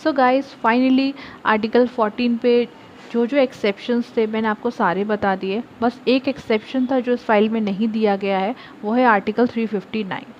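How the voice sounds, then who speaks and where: A woman's voice: fairly high pitch, fairly even intonation, normal speed, darkish tone. A young woman giving a law lecture to her viewers, explaining step by step and switching between Hindi and English legal terms. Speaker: law teacher. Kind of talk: online lecture. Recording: slightly dull audio with faint background noise.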